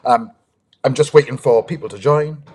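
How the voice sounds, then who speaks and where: A man's voice: medium pitch, moderate pace, a little mellow, husky. A man hosts a live stream for young viewers. He is eager and chatty, with many ums as he greets viewers. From United Kingdom. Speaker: host, dinosaur ranger.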